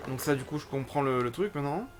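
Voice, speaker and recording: A man commenting casually on his own gameplay, thinking aloud and reading tutorial text out loud. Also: medium pitch, animated, fast talker, very noisy. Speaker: let's play gamer.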